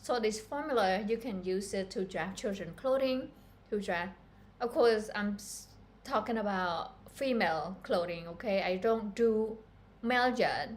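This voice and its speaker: A woman from Cambodia, a fashion pattern-making instructor, gives a chatty, earnest live-stream tutorial on pattern making and speaks directly to her viewers. Her voice is mid-range and a little slow.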